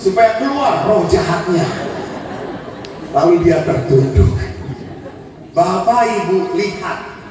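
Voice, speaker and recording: High-voiced priest preaching in an echoey church. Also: male voice, slow pace, long pauses. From Indonesia. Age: 50s. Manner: humorous storytelling with lively acted-out quotes. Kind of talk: sermon. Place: large church. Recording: echoey church hall, from far off, faint noise.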